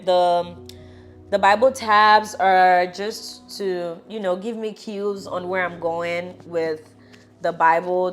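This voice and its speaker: A young woman with a Nigerian accent, chatting casually and encouragingly as she walks through her Bible study tips. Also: mid-range voice. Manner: chatty, encouraging, lively asides. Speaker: vlogger.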